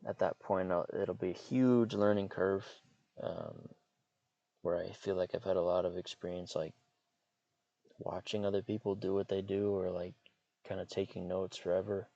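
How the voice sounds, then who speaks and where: A young adult man hosting a solo podcast from a parked car, rambling and hesitant with many fillers, speaking in a monotone. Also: sits low, moderate pace, vocal fry, dull audio. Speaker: podcast host. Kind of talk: casual solo podcast monologue. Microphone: computer mic.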